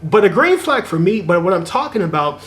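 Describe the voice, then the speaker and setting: A young man talking casually to camera in a vlog, giving dating advice in a chatty, animated way and laughing often. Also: high voice, a little fast. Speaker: dating vlogger.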